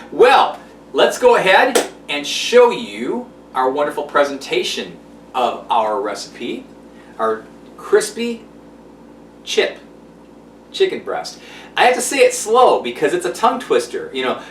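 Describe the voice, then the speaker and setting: A man's voice: on the high side, distant mic, slight background noise. A man hosting a cooking demonstration, chatty and folksy, full of enthusiasm, recorded in an echoey room away from the mic. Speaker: TV chef host.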